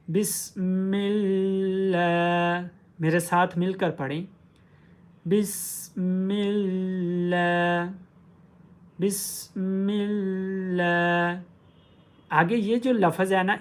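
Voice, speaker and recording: A man's voice: high-pitched, a little mellow. A man teaching Quran pronunciation, explaining patiently and drawing out recited words syllable by syllable. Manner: drawn-out, syllable-by-syllable recitation of examples. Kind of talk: tajweed pronunciation lesson.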